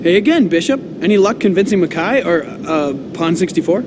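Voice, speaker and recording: Excitable, high-voiced young guy. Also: heavy background noise. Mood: upbeat, excited. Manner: fast, effusive. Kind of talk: video game character acting.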